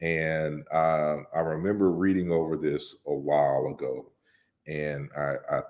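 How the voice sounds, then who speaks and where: Man with a very deep voice hosting a livestream. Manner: relaxed and conversational, with frequent fillers and restarts; explains at length in a measured, lecturing way. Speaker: host of an open discussion livestream. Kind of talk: casual livestream Q&A, reading viewer comments.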